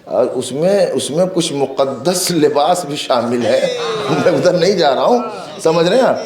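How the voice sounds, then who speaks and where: A man from Uttar Pradesh, India, with an Indian Urdu accent, delivering a sermon at a gathering, swinging between ringing shouted recitation and quiet conversational asides to the listeners. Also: fairly high pitch, animated. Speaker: Shia cleric delivering a majlis. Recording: echoey hall.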